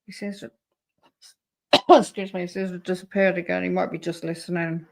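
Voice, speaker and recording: A woman's voice: fairly low pitch, level tone, brisk, vocal fry, darkish tone. A woman hosting a casual live stream, reacting to a clip and talking to her chat. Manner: chatty, reacting to a clip and reading chat aloud.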